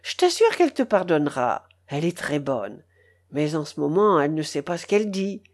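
A woman's voice: low-pitched, big pitch swings, moderate pace, pitched below the performer's own voice. A woman voicing a timid, kindly middle-aged man who anxiously pleads with his nephew and his mother. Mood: anxious pleading.

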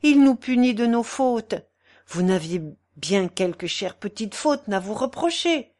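A woman voicing a gossipy, meddling middle-aged concierge in a storybook reading, with a shrill, wheedling, theatrical manner. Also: lively intonation, measured pace, a little mellow. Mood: coaxing.

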